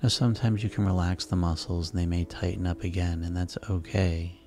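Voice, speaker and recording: A man guiding sleep hypnosis in a soft, soothing, unhurried manner, leaving pauses between phrases. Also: sits low, steady tone. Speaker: hypnosis guide. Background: relaxation music.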